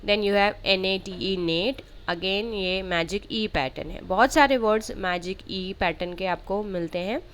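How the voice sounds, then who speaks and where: A woman's voice: mid-range voice, measured pace, few pauses. A woman with an Indian English accent teaching a spelling lesson, explaining each word step by step and drawing out the words she spells.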